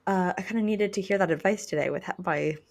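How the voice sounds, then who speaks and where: A woman in her thirties co-hosts a podcast, chatting informally and candidly in a self-deprecating way. Her voice is lowish and creaky, and she talks at a quick pace.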